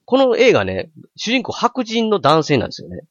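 A man in his forties with an Osaka accent, telling stories in casual chat, animated and full of sound effects. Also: high voice, normal speed, no room sound, highs cut off. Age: 40s.

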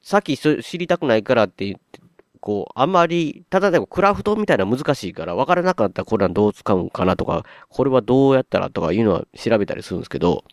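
A man with a Kansai accent, chatting on a podcast as a co-host and telling stories in an animated way, acting out his own surprised reactions. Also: medium pitch, fast talker, dry recording, studio quality. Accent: Kansai Japanese. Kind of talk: casual podcast chat.

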